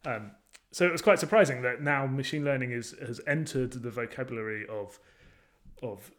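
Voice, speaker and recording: Male co-host, mid-pitched, casual and musing, full of fillers and restarts. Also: normal speed, fairly bright tone. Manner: thoughtful, questioning, many fillers and restarts. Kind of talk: casual chat.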